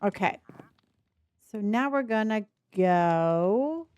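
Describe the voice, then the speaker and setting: A woman chats casually on a live game stream at an unhurried pace. She has a speech impediment and says w in place of r. Her delivery is halting as she thinks out loud. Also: medium pitch, animated, clear, resonant tone. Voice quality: speech impediment, cannot pronounce R's, says w for r.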